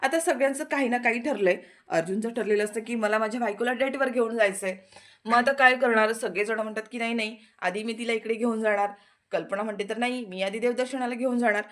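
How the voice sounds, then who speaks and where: Brief: female recap narrator, brisk pace, slightly high, lively storytelling of a TV serial. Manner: quick, animated retelling with quoted lines. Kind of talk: casual episode recap retelling dialogue.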